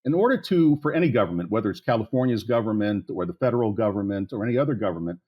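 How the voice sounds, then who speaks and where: On a lo-fi recording, a Pittsburgh-area man in his sixties talks very fast as a podcast guest, his fairly low voice slightly rough and full of lively intonation. His manner is blunt and candid, rambling with frequent restarts.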